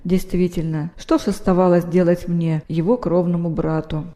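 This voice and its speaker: A woman narrating a nonfiction book in a measured, even reading. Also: fairly low pitch. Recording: long hall reverb.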